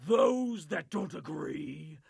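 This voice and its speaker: Demonic video game villain, heavy rasp, swooping pitch, gloating, theatrical, menacing. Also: male voice, lively intonation, dry recording, clean studio sound, heavily acted. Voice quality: gravelly, raspy. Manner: theatrical, menacing, drawn-out delivery. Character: gloating male demonic tyrant villain, power-hungry and menacing.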